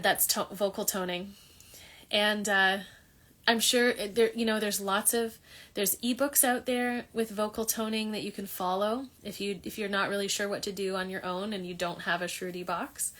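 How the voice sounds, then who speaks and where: Female wellness host, casual rambling delivery, mid pitch, chatty to camera. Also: a bit bright. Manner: loose, rambling, with many restarts and fillers. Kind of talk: casual monologue on yoga.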